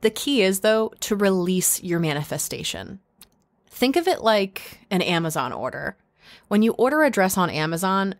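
A woman's voice: on the low side, no echo, studio quality. A woman hosting a podcast, giving casual spiritual advice in a playful way and swearing freely. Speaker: podcast host.

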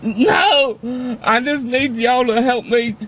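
A man's voice: extremely high pitch, steady tone, slow pace, a bit bright, slight background noise, exaggerated voice. A man voicing a crude, whiny Southern woman in a prank complaint, folksy and rambling, recorded inside a car. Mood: whiny complaining. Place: inside a car at a drive-thru window. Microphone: camera in the car.

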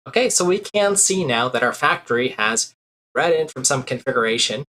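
A man in his thirties sits at a desk in a small room, sharing his screen to teach programming step by step, with lots of "uh" fillers as he works through code. His voice is medium-pitched with a sharp edge. The recording is low quality, with a bit of hiss or hum.

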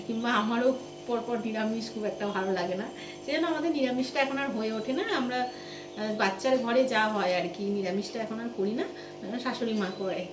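Chatty Bengali housewife in an echoey home. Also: female voice, fairly high pitch. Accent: West Bengal Bengali. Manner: chatty, talks to viewers directly. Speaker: vlogger. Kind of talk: casual home vlog. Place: home kitchen and rooms. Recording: echoey room with household noise.

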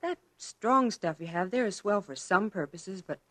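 An actress playing an upbeat, chatty young housewife in a 1940s radio commercial. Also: female voice, mid-range voice, expressive, normal speed, a bit bright, no echo. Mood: cheerful. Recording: dry old radio broadcast.

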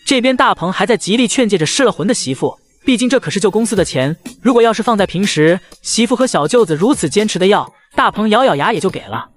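A man's voice: high voice, expressive, fast talker, few pauses. A man narrating a recap of a short drama, full of mocking quips and jokes. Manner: mocking, quipping asides. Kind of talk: joking recap narration over clips.

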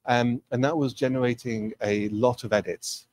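A man's voice: mid-range voice, fairly even intonation, moderate pace, a little mellow, slight background noise. A man presenting a technical training webinar, explaining conversationally with frequent ums and uhs.

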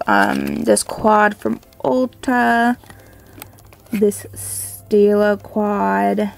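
A woman's voice: medium pitch, creaky. A young woman chatting casually to camera in a rambling, apologetic way, her speech slightly slurred by an appliance in her mouth for an overbite. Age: young adult. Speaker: beauty vlogger. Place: small bedroom at home.

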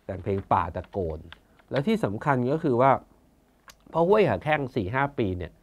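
Speaking at a normal speed, this conservation foundation chairman has a mid-range voice with huge swings in pitch. He's informal and plain-spoken, spinning stories and occasionally performing the words of quoted officials.

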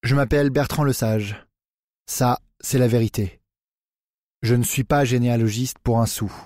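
Man playing a solemn confessing man, dark timbre, slow and hushed, audiobook. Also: mid-range voice, steady tone, dry recording, studio quality, close to an everyday voice. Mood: grave. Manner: grave, deliberate, hushed. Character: secretive middle-aged man confessing.

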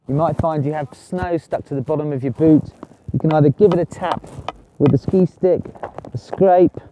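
A male instructor in middle age talks to camera out in the open. His voice sits a little high yet has a soft, dark, relaxed tone. He gives practical directions one step at a time in a clear teaching style. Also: a little hiss or hum. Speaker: ski instructor presenting a lesson. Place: outdoors on a snowy ski slope.

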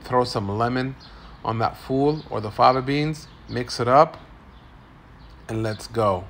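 A man's voice: medium pitch, slow, a bit bright, slight background noise. A man in his forties doing upbeat tour-guide commentary as a food vlogger, filming on a phone at an outdoor street food stall. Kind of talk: casual walk-and-talk food narration.

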